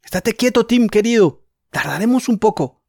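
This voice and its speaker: A man's voice: high voice, expressive, moderate pace, vocal fry, dry recording, clean studio sound, voice pushed up, heavily acted. A man voicing an impatient, eager tomboy girl in a storybook reading. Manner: impatient, shouting questions.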